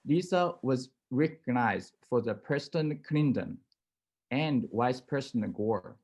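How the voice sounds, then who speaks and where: A man's voice: mid-range voice, expressive, unhurried, darkish tone, dull audio. Man hesitantly reading a speaker introduction. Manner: reads from notes with hesitant fillers. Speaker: former association president introducing a speaker.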